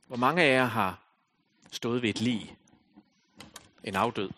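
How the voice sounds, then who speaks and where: Reading from scripture and then expounding on it, a male preacher moves between loud calls and hushed, near-whispered passages. His voice is medium-pitched, with slight noise in the background.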